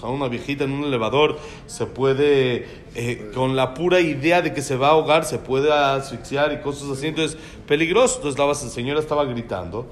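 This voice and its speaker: A man telling a story to a class, animated and acting out the dialogue. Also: mid-range voice, moderate pace, few pauses.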